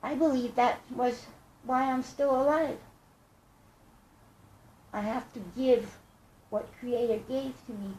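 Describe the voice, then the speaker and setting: High, squeaky helium-voiced older woman. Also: steady tone, slow pace, long pauses, dark tone, slight background noise. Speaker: vlogger. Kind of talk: rambling personal monologue to camera. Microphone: tablet microphone. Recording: echoey room.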